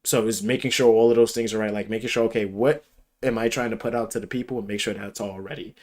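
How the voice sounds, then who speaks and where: A man's voice: lowish voice, steady tone, fast, darkish tone. A man being interviewed on a casual podcast, explaining his routine in a rambling, thoughtful way with many fillers. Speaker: streamer guest.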